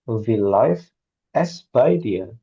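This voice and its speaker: A student reading German practice phrases aloud slowly and carefully in an online class. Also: mid-range voice, animated, dark tone, husky, dull audio.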